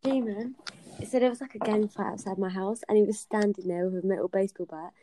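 A woman's voice: mid-range voice, fairly even intonation, a little fast, dark tone, a little hiss or hum. A young woman, hosting a casual podcast chat and telling stories with giggles. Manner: chatty storytelling, giggly. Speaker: host.

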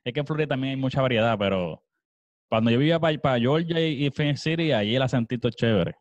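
Talk like a Puerto Rican man hosting a laid-back podcast. Keep your pitch in an ordinary middle range and let your thoughts wander with restarts. Sound close and dry, a bit muffled. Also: animated, fast, dry recording. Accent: Puerto Rican Spanish. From Puerto Rico. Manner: rambling, many restarts and fillers. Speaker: podcast host. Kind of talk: casual podcast conversation.

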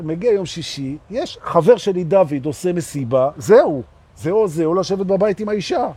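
Animated, self-mocking man teaching. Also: on the high side, husky, dry recording. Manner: playful and self-mocking, shifting between joking asides and slow emphatic teaching. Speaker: spiritual teacher. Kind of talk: live spiritual talk broadcast.

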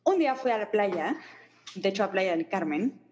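A woman's voice: medium pitch, moderate pace, highs cut off, slight background noise. A woman with a Mexico City accent, chatting casually and telling an anecdote with quoted voices. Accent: Mexico City Spanish. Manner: chatty, slangy, expressive quoting. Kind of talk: casual storytelling chat.

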